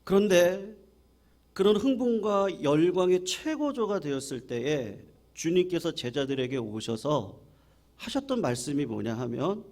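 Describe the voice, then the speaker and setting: Lively, animated male pastor preaching. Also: high voice, a little slow. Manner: animated storytelling, acting out quoted voices; asks the congregation questions. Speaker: senior pastor. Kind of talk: Sunday morning sermon. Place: church service.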